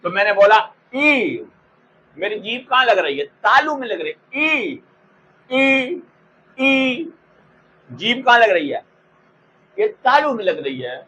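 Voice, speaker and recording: Teaching an exam-prep lesson, this man is very animated, his bright, high voice moving slowly as he repeats each term for students to write down and uses fond terms for the class. The recording cuts off the highs and has a faint noise running under it.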